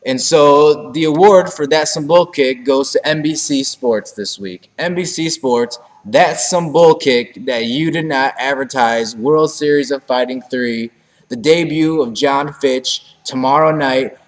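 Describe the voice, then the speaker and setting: A man co-hosts a casual fight-sports podcast, rambling before rising into emphatic rants, and sounding monotone at times. His mid-range voice is a little slow and echoes as if in a large hall. The recording quality is low.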